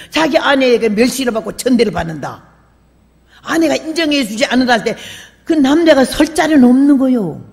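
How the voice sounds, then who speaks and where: An older woman missionary giving a sermon, telling folksy stories with humor and bursting into loud emphatic calls. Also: medium pitch, creaky. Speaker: missionary preacher. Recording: long hall reverb.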